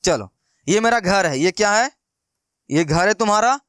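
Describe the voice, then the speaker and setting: A man's voice: high-pitched, lively intonation, moderate pace, a bit bright, clear, resonant tone, no room sound, clean studio sound. A young man teaching math in a casual classroom style, chatty and playful, who keeps asking questions and answering them himself. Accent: Bihari Hindi. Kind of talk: casual classroom lesson explaining with everyday examples.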